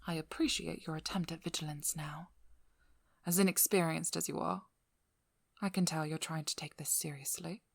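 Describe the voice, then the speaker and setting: A woman acts out a devious vampire hunter in a scripted ASMR roleplay, addressing the listener in a low, creaky voice. She's heavily acted, with a steady tone and normal speed, coming across as teasing, playful and coolly controlling in a cool, probing mood. Her vigilant character starts flirty and turns businesslike, and there's no echo.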